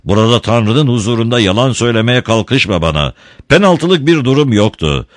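A man's voice: medium pitch, lively intonation, normal speed, dry recording, studio quality, pitched above the performer's own voice, lightly acted. A man voicing a hot-tempered village priest who talks in an indignant, commanding way. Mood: angry.

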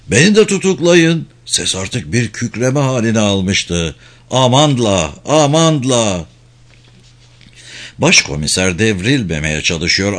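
A man reading a novel aloud in an expressive, dramatic narrating style. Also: mid-range voice. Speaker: audiobook reader.

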